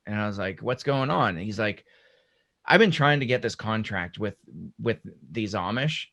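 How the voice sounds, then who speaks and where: Animated man retelling a story. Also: on the low side, normal speed. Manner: animated retelling, quotes others at length. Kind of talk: casual podcast conversation.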